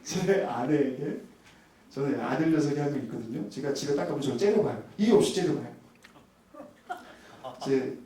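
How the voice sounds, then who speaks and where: A man's voice: mid-range voice, moderate pace, pauses often, slight background noise. A man in his thirties, a pastor, telling a personal story in a sermon and acting out the voices in it. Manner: animated storytelling, acts out quoted voices, chuckles often. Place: church sanctuary. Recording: roomy church hall, voice from a distance.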